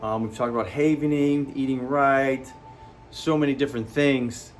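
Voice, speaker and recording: A man hosting a motivational talk to camera, speaking animatedly and jumping up in pitch for emphasis, acting out quoted people. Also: steady tone, normal speed, faint music behind. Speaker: host.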